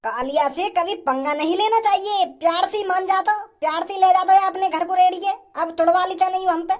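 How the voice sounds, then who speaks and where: A woman voicing a swaggering, menacing male hired goon in a cartoon, speaking slowly and boastfully. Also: very high-pitched, slight background noise. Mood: gloating.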